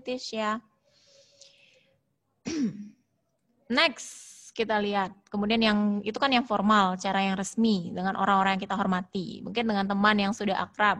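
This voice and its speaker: A woman English teacher with an Indonesian accent, teaching an online class and modelling phrases slowly. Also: mid-range voice, a bit bright. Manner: explains at length, repeating and modelling phrases slowly. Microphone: video call.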